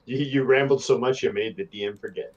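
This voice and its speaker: A man's voice: medium pitch, steady tone, brisk, very noisy. A man chatting casually as a player in a tabletop game, recorded with slightly dull sound.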